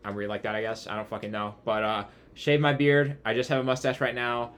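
A man's voice: mid-range voice, completely flat delivery, fairly quick, a bit bright. A man hosting a podcast, chatting casually and rambling with many fillers. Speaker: podcast host. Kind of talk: casual chat.

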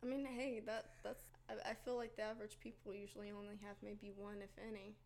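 A woman in her twenties co-hosting a podcast, talking in a hesitant, halting way with small giggles. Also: mid-range voice, level tone, a little mellow, a little hiss or hum. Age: 20s. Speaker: podcast co-host. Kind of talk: casual chat.

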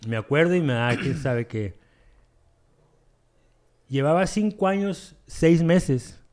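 A man telling his recovery testimony, halting and repeating himself, acting out dialogue as he goes. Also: on the high side, expressive, darkish tone. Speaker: guest sharing a recovery testimony. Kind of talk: emotional personal storytelling.

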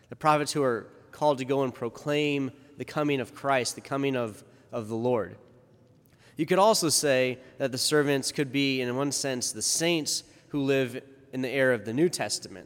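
A man speaking as a priest at a church service, his voice carrying in a long cathedral echo. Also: mid-range voice. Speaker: priest giving a Gospel reading and homily. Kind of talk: church sermon. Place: large reverberant church.

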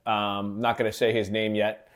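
A man's voice: on the low side, little pitch movement, moderate pace, smooth. A man hosting his own podcast in a casual solo talk, rambling with many fillers and restarts. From living in Kansas City. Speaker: podcast host.

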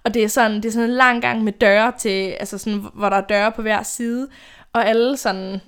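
Young female podcast host telling stories, chatty and rambling, smooth clear tone. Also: a little high, steady tone, a bit bright. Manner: rambling, chatty, laughs often. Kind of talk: casual storytime chat.

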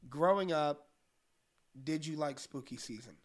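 A man's voice: on the high side, unhurried. A man co-hosting a casual podcast with a head cold, sniffling, joking in a laid-back, rambling way. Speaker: podcast co-host. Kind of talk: casual chat.

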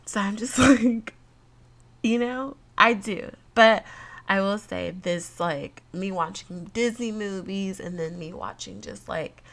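A young woman in her late twenties talks to her viewers in a loose, unhurried way. She sounds a little congested, giggles often and leans on fillers. Her pitch sits in the middle range. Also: a bit bright. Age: 20s. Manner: chatty and giggly, lots of fillers. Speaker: vlogger. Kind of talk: casual chat to camera.

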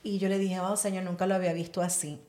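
A woman's voice: fairly low pitch, fast. Woman telling a faith story, roomy sound. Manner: animated storytelling, mixing in English words. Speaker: guest, pastor's wife. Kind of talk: conversational testimony. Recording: roomy echo.

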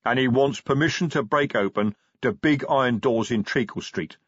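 Man playing a big slow troll sergeant, plodding and patient, husky, dry close sound. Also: mid-range voice, a bit bright, dry recording, voice pushed up. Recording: dry, slightly dull audiobook sound.

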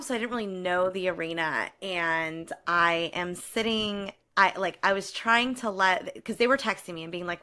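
A woman's voice: mid-range voice, bright, forceful tone. A woman co-hosting a podcast from a room at home, chatting casually with lots of fillers. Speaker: podcast co-host. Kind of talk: casual chat.

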